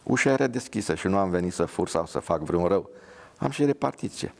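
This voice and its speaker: A man's voice: deep voice, expressive, gravelly. A man reading a pious young nurse. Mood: earnest. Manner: earnest, scolding.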